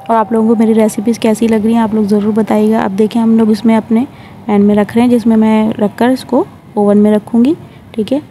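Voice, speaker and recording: A woman's voice: on the high side, little pitch movement, fairly quick, warm tone, slight background noise. A woman hosting a home cooking tutorial, talking viewers through each step in a chatty way and often checking in with "theek hai". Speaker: cooking channel host. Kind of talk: recipe tutorial voice-over.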